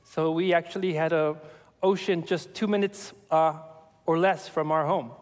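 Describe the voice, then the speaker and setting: A man in his forties from El Salvador, sharing a personal testimony with his church family in a reflective, measured way with frequent fillers. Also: fairly high pitch, fairly even intonation, in a large hall.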